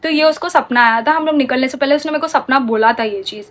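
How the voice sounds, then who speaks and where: High-voiced woman. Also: fast talker, fairly bright tone. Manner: heated, indignant storytelling mixing Hindi and English. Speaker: vlogger. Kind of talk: storytime vlog.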